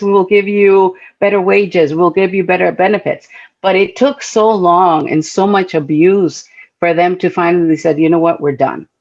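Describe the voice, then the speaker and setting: The highs are cut off in this recording of a middle-aged Guatemalan woman whose fairly low voice is creaky and a little mellow. As a panelist at a talk event, she recounts personal stories in an earnest, heartfelt, conversational way, with lots of fillers.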